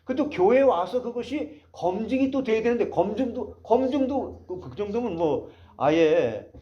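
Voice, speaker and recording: A man's voice: high voice, sing-song, a little slow, muffled recording. A man preaching a sermon as pastor, asking the congregation rhetorical questions as he explains a passage.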